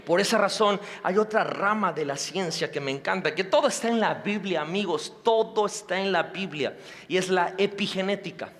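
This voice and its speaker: A male pastor preaching with a high voice and dramatic swings between loud passages and hushed ones. The sermon rings out in a church hall, and a long reverb trails after every phrase. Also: normal speed.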